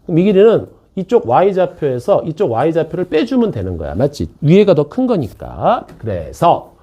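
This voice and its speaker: Husky, lively male math teacher. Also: on the high side, a little slow, dull audio. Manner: chatty, jokes with students, keeps checking in. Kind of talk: classroom lecture. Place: classroom.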